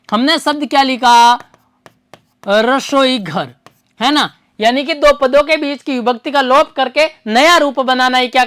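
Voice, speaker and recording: A woman's voice: sits high, fairly bright tone, no echo, clean studio sound. A woman teaching an exam-prep grammar lesson. She asks the class questions, answers them herself, and repeats key terms for her students.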